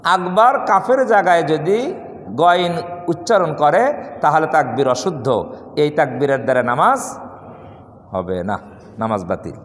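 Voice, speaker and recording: A man's voice: fairly high pitch, expressive. A man from Bangladesh giving a Friday sermon as imam in a mosque, often posing questions for the congregation to finish and drawing out sample recitations. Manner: rhetorical questions the congregation completes, drawn-out demonstrations of recitation. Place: large mosque prayer hall. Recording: echoey hall with long reverb.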